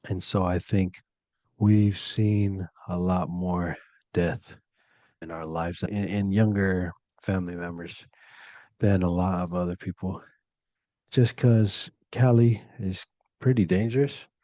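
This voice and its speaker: A young Polynesian man from California, co-hosting a podcast in a relaxed, slangy and earnest way. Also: sits low, slow pace, no room sound, lo-fi sound. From Polynesian, living in California. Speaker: podcast co-host. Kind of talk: casual podcast talk.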